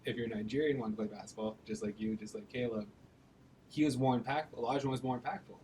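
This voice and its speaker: A male host leads a relaxed sports interview in a chatty, upbeat way. His voice sits at a middle pitch, and he keeps the talk moving with quick follow-up questions. A faint low rumble hums behind him. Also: poor audio. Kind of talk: casual interview chat.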